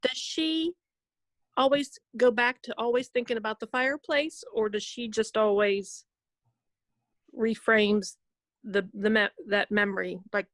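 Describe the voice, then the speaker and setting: A woman's voice: a little high, fairly even intonation, a little slow, fairly bright tone, no room sound. A woman taking part in a workshop, asking a question hesitantly and searching for her words. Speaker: workshop participant.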